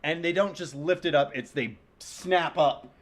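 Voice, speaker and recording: A man's voice: a little high, measured pace. A young man co-hosting a podcast, chatting casually in a blunt, playful way. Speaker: podcast co-host. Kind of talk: casual chat.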